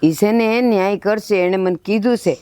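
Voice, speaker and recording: An actress playing an older village mother who comforts and calms her children in a village family drama. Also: mid-range voice, normal speed, clean tone, no echo, natural voice. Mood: soothing. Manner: soothing, pleading.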